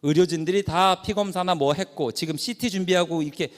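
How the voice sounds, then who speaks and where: A steady, older male emergency doctor speaks in a lowered, measured tone, as a preacher acts him out. He sets each point down firmly and calmly. The voice rings with a long reverb, as if heard in a big hall. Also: lightly acted. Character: older gray-haired senior male ER doctor, calm and firm.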